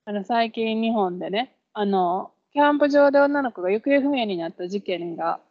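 A woman's voice: mid-range voice, animated, moderate pace, no room sound. A woman with a Kansai Japanese accent chatting casually as a podcast co-host. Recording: dull, lo-fi audio.

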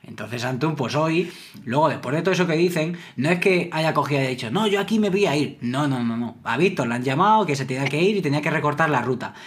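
A man's voice: fairly high pitch, animated, quick pace. A man casually telling a cycling anecdote on a podcast, acting out what his friends said. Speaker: podcast co-host. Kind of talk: casual storytelling chat.

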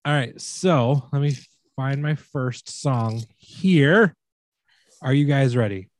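A man's voice: medium pitch, slow, no echo. A man hosting a podcast and leading a game, laughing easily and poking fun at himself. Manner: laughing, loose, self-deprecating. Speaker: podcast host running a game. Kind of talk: casual chat.

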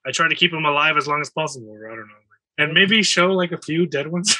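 A young man co-hosting a casual film chat, animated and quick to laugh, swearing now and then. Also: on the high side, no echo, low-quality recording. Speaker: podcast co-host.

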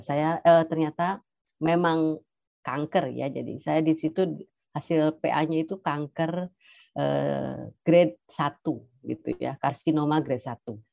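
A middle-aged woman giving a personal testimony as a cancer survivor, hesitant, with many pauses and fillers. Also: deep voice, creaky, no room sound, dull audio. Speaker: cancer survivor sharing her story.

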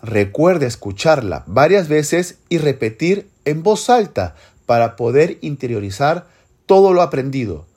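A teacher narrating a scripted language lesson, speaking slowly and clearly. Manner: slow, clear instructional delivery with lively pitch.

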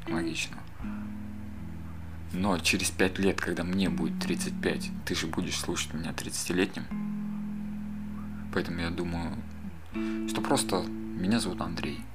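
A man's voice: deep voice, steady tone, normal speed, long pauses. A man in his thirties in a casual, rambling monologue, talking straight to the listener and drifting off on side thoughts. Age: 30s. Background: loud acoustic guitar music.

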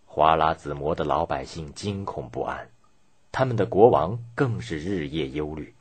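A man delivers scripted documentary narration in a low register. His voice has a husky grain, and his intonation rises and falls widely as he tells the story in a measured, dramatic way. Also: expressive.

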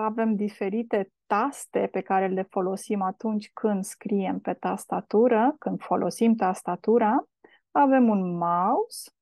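Gravelly-voiced woman teaching vocabulary. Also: mid-range voice, darkish tone, dry recording. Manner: explains slowly, checks in with "da?". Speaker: language teacher and podcast host. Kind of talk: casual vocabulary lesson.

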